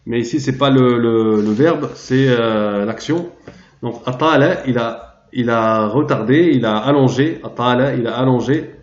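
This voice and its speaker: A man teaching a translation lesson, pausing often and searching aloud for the right word. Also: medium pitch. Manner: hesitant, searching aloud for words. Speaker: Arabic teacher. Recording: roomy, dull lo-fi sound.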